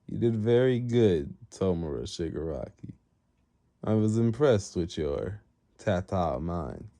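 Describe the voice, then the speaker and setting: A man doing a slow, smug villain mastermind. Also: deep voice, animated, warm tone. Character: scheming older male villain mastermind, calm.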